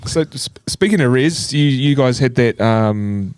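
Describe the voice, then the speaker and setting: A man's voice: mid-range voice, lively intonation, unhurried, a little mellow, clean tone, no room sound. A man with a New Zealand accent chatting casually as a podcast co-host. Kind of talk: casual chat.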